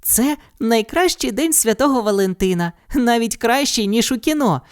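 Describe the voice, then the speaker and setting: Woman putting on a high bubbly little girl, gushing, storybook voice, dry close sound. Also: animated, normal speed, smooth, no room sound, lightly acted. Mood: tender. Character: bubbly, sunny little girl, cheerful and affectionate. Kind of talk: storybook reading.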